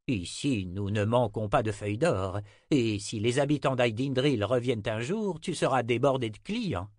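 A gentle old wizard speaks with warm, teasing patience in a storybook reading, as a male narrator puts him on. His lines come slow and a little raised, friendly rather than grand. The sound is close and dry. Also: mid-range voice, animated, dry recording, natural voice. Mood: genial. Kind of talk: audiobook character reading.

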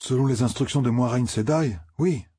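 Man doing a blunt grumpy young farm guy, pitched up from his husky voice. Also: normal speed, mellow, no echo, studio quality, close to an everyday voice. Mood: bitter. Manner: blunt, bitter.

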